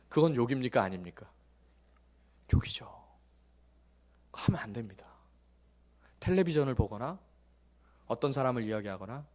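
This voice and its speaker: A middle-aged male pastor preaching a sermon, telling jokey stories that swing from loud bursts to hushed asides. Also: on the high side. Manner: lively, joking storytelling with sudden loud bursts and hushed asides.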